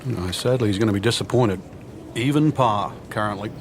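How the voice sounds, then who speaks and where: A man's voice: lowish voice, brisk, background noise, lightly acted. A man giving golf commentary as the analyst, explaining strategy and conditions in an advisory way.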